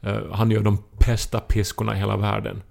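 A man co-hosting a podcast in casual chat, telling anecdotes thoughtfully with hesitant pauses. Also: on the low side, completely flat delivery, vocal fry, darkish tone. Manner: thoughtful anecdote-teller, hesitant with filler sounds. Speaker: podcast co-host.

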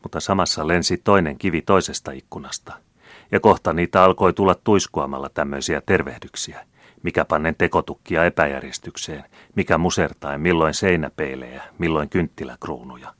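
Man, audiobook narrator, very deep voice, measured steady reading, dry close recording. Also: no echo. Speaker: audiobook reader. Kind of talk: audiobook narration of a classic novel.

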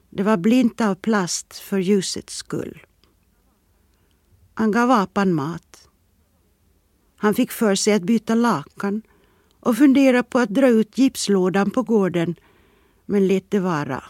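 Calm, measured audiobook reader, dry sound. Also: mid-range voice, no room sound. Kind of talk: scripted literary narration.

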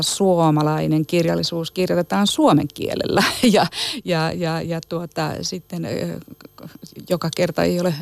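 A woman's voice: lowish voice, gravelly, a little mellow, dry recording. A woman literary agent answering interview questions with emphasis, listing words one after another and often repeating words as she starts a phrase. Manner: emphatic, piles up lists of words.

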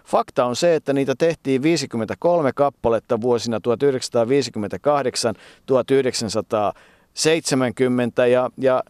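A man's voice: medium pitch, darkish tone, smooth, dry recording, clean studio sound. A man hosting a talk show, reflecting thoughtfully on a radio writer's career. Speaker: host. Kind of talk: casual talk.

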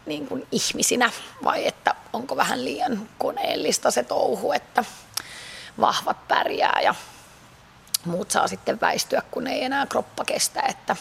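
A woman's voice: a little high, gravelly, slight background noise. Chatty Finnish-speaking woman athlete. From Finland. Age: 30s. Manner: chatty, frequent fillers, laughs easily. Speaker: pole dance athlete. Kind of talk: interview answers.

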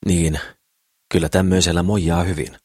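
A man's voice: low voice, flat delivery, a little mellow, breathy edge, no echo, clean studio sound. A man reading the lines of a poor, frail crippled little man in an audiobook, mild and plain-spoken. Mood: meek.

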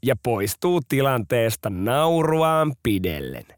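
A man's voice: medium pitch, sing-song, no room sound, studio quality. A man hosting a storytelling podcast, narrating in a casual, slangy way.

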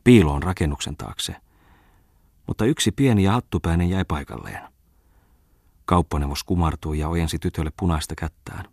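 A man narrating a literary audiobook in a measured, even storytelling manner. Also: low-pitched, gravelly, no room sound, studio quality.

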